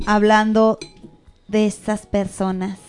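A woman's voice: medium pitch, level tone, slow, a little mellow, smooth, faint music behind. A woman co-hosting a casual chat, playful and teasing, drawing out her questions. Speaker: co-host.

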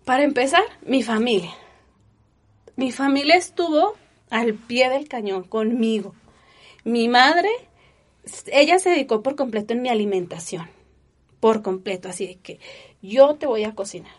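A woman, telling her personal story in an interview with earnest, animated feeling and many fillers. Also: fairly high pitch, unhurried, pauses often. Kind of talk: emotional personal testimony.

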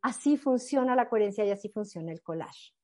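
A woman giving a motivational talk, telling a personal story in an animated, earnest and emphatic way. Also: mid-range voice, a little fast, soft background music. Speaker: motivational speaker.

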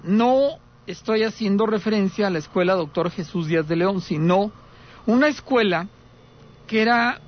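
Guy on the radio spinning a spooky tale, kinda high voice, dull lo-fi sound. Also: moderate pace. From Aguascalientes, Mexico. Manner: dramatic storyteller, repeats key points, speaks to listeners directly. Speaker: radio host taking calls. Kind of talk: telling a paranormal story on radio.

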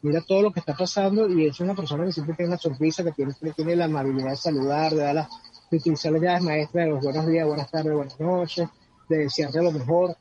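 A man's voice: on the high side, fairly even intonation, fairly quick, warm tone. A man giving earnest, conversational advice on personal growth, often repeating words as he searches for them. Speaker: guest speaker on personal growth. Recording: dull lo-fi sound with faint background noise.

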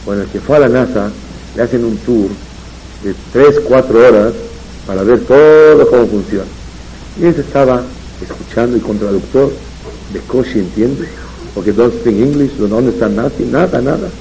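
A man delivers a rabbi's Torah lesson full of anecdotes. His voice is warm and dark, and it rises and gets louder when he drives a point home. A faint hiss sits under the recording. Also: medium pitch, moderate pace, poor audio. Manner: storytelling, rising and louder on emphatic points. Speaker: rabbi giving a Torah talk. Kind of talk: religious lecture with anecdotes.

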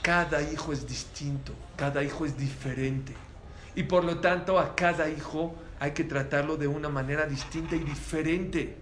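A man with a Mexican accent giving a religious talk to an audience, telling stories in an animated way and acting out the dialogue. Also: a little high, moderate pace, slight background noise. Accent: Mexican Spanish. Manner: animated storyteller who acts out dialogue. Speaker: religious lecturer. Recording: echoey room with faint ambience.

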